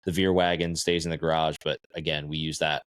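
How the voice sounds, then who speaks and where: A man with a very low, deep voice chats casually on a podcast, easygoing and matter-of-fact. The sound is close and dry, with no room around it. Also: a little fast, clear, resonant tone, no echo. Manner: relaxed, matter-of-fact recommending. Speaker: podcast co-host. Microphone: podcast microphone.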